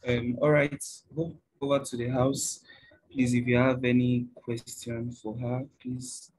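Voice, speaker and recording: A man moderating an online workshop session over a call, speaking slowly. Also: medium pitch, flat delivery, darkish tone, husky, low-quality recording. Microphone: video call.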